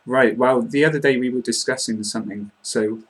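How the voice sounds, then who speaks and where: Speaking fairly quickly at a medium pitch with fairly even intonation, a twenty-something British man hosts a casual interview chat. An English teacher, he comes across as polite and explanatory, and he's recorded on a laptop webcam in a small room.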